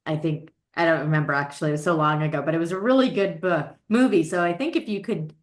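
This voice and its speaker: A woman hosts a relaxed book chat, musing aloud and poking fun at herself with ready laughs. Her voice sits on the low side for a woman. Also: quick pace. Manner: chatty, self-deprecating, laughs often. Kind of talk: casual chat about books.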